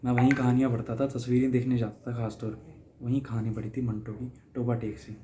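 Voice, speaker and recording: A man's voice: medium pitch, level tone, fast talker, noisy background. A young man from Haryana, India, recalling in a casual, reflective way how a writer shaped his life, with small laughs and restarts. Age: young adult. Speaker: guest reader sharing a personal story. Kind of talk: casual personal storytelling.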